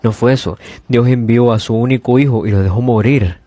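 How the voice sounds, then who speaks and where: A man's voice: medium pitch, a little fast, warm tone, dry recording. A man preaching a sermon, retelling a parable in an earnest storytelling manner with much repetition.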